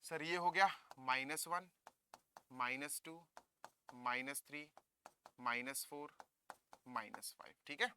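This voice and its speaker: A man with an Indian accent teaching a maths lesson online, coaxing and lively, switching between Hindi and English. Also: medium pitch, slow pace, long pauses, slight background noise. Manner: lively, coaxing, mixing Hindi and English, calls students kids.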